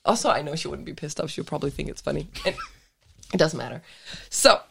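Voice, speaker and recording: A woman's voice: deep voice, animated, fast, creaky, a bit bright, a little hiss or hum. A woman co-hosting a podcast, chatting casually in a rambling, giggly way and swearing freely. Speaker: podcast co-host.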